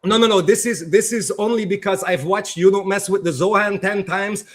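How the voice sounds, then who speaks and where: Wry high-voiced man. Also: fairly even intonation, moderate pace. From Netherlands. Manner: wry, joking, argumentative. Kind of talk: casual street chat.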